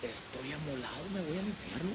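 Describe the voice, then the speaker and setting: Preacher putting on a brash truck guy, a bit high and full of himself. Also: lively intonation, brisk, background noise, close to an everyday voice. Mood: resigned. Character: boastful working-class man, a water-truck driver.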